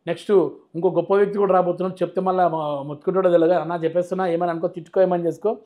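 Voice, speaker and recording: A man, a comedian chatting animatedly as an interview guest. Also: sits high. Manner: animated, rapid storytelling. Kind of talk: casual interview chat.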